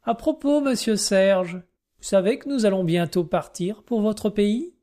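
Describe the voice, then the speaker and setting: A hearty middle-aged travelling showman speaks out emphatically and warmly, as a male narrator plays him. The voice runs a little high, with a soft, mellow color. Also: measured pace.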